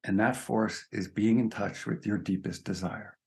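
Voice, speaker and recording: Low gravelly man teaching earnestly. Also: steady tone, normal speed, darkish tone. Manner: earnest, emphatic, frequent "right?" tags. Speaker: guest, spiritual teacher. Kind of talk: reflective conversation.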